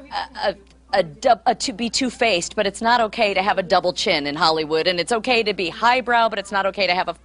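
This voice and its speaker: A woman reporting a TV segment, joking and asking quick questions. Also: a little high, fairly bright tone.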